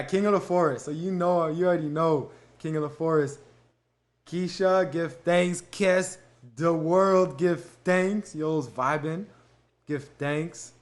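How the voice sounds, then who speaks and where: Easygoing and talkative, this young livestream host fields questions from viewers in a voice pitched slightly above the male average. He keeps stopping to read comments aloud and thank people, and his casual speech drifts with fillers between replies.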